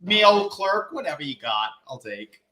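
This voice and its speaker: A man's voice: on the high side, sing-song, measured pace, crowd noise. A man co-hosting a live show in a casual, campy drag queen style. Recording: echoey room.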